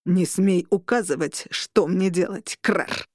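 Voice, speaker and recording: A furious male vampire marshal snarls and shouts in a voice pitched low, as a woman reading a story puts him on. His words come slow and heavy, and the sound is dry and close. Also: no room sound, lightly acted. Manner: growling, shouting.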